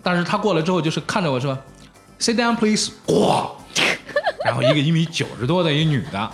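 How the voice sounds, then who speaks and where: Male talk host, quick animated storyteller, higher voice, faint music behind. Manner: animated storyteller, lively laughing asides. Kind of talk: casual studio chat about football.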